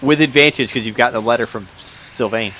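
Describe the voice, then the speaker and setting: A man running a tabletop game as game master, improvising narration and pausing to search for words. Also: mid-range voice, pushed and bright, low-quality recording. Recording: clear background noise.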